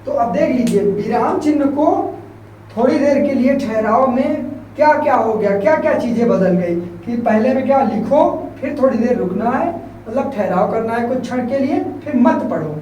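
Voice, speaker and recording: A man teaching a Hindi grammar class, asking questions and answering them himself, repeating key terms slowly as he writes. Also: very high voice, lively intonation, a little mellow, highs cut off. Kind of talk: classroom lecture explaining at a board. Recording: very echoey room, mic far off, faint background hiss.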